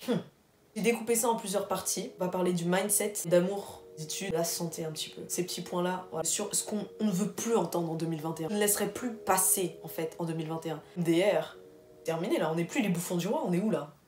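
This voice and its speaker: A woman's voice: lowish voice, fast talker, darkish tone, a little hiss or hum. A young woman talking straight to her viewers in a casual, slangy vlog monologue. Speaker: vlogger. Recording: echoey room with music behind.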